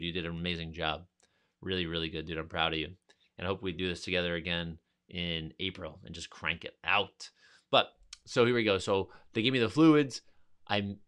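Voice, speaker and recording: A man from New York, hosting a podcast, telling a long personal story in a rambling, energetic way and acting out what people said. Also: sits low, clean tone. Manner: rambling, energetic, acts out quotes. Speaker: podcast host. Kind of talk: casual storytelling monologue.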